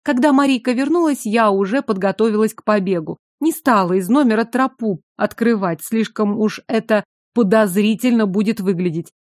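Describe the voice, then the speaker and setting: A woman's voice: mid-range voice, moderate pace, darkish tone, no echo, studio quality. A woman narrating a fantasy novel in the first person, with a wry, sardonic inner voice. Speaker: audiobook narrator.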